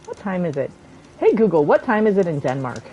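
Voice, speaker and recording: A woman streaming a game from her home setup, chatting in a rambling way and thinking out loud into a desk microphone. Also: lowish voice, very animated, fairly quick, muffled recording, soft background music. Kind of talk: casual chat while gaming.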